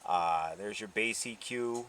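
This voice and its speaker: Talking slowly in a fairly low, slightly bright voice, a man runs a laid-back car audio unboxing for his channel. He speaks informally, thinks aloud, and there's some noise behind him.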